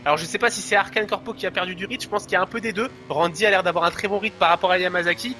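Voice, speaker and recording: A man's voice: high-pitched, very fast, bright, forceful tone, soft background music. A man giving live play-by-play as a motorsport commentator on a motorcycle racing game.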